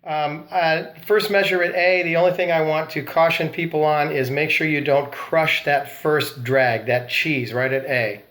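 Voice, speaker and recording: A man teaching a snare drum part, calmly explaining rudiments and counting off before he plays. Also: fairly high pitch, unhurried, few pauses, a little hiss or hum. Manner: calm, counting off and calling rudiments. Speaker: drum instructor. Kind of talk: instructional demonstration.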